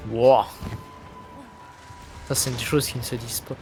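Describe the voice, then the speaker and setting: A man's voice: medium pitch, flat delivery, measured pace, a little mellow, soft background music. A young man streaming a video game, joking and teasing his co-player in casual chat.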